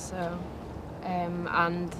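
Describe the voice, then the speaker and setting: A woman's voice: on the low side, monotone, drawn-out words. A woman whose first language is Welsh, talking casually in a street interview, thinking aloud with small fillers. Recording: street noise behind the voice.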